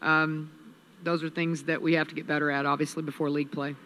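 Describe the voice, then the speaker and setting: A woman in her fifties, a head coach at a postgame press conference, speaking in a measured, analytical way into a table microphone. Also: low voice, level tone, fairly bright tone, slight background noise. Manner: measured, analytical, many restarts. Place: press room with sponsor backdrop. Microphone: table mic on a stand.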